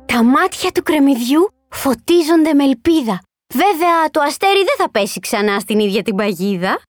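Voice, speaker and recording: A woman narrating a rhyming children's story in an expressive, sing-song way. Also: sits high, soft background music.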